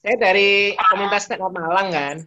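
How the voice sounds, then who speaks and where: A man's voice: sits high, brisk, very noisy. Chatty male caller, dull line. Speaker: caller from a stand-up comedy community. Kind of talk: casual call-in chat.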